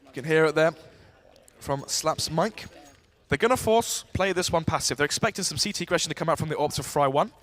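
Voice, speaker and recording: A man giving live esports caster commentary, running through each round in a brisk, clipped analytical way. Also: fairly high pitch, fairly bright tone. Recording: faint game noise behind voice.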